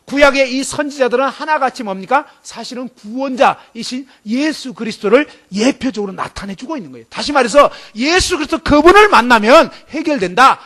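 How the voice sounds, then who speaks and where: High-voiced man preaching emphatically. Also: fairly bright tone. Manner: emphatic, fires rhetorical questions at listeners; acts out scenes vividly. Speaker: preacher at a student camp. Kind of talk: sermon.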